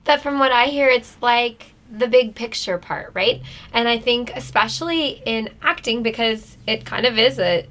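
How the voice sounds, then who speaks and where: Upbeat woman interviewer, slightly high pitch. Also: moderate pace. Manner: warm, affirming, reflective questions. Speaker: interview host. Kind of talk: casual interview.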